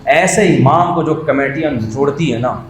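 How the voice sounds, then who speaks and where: Animated man giving a religious lecture. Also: fairly high pitch, roomy sound, slight background noise. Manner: animated, mocking asides, drops to quiet muttering. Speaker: Islamic scholar giving a talk.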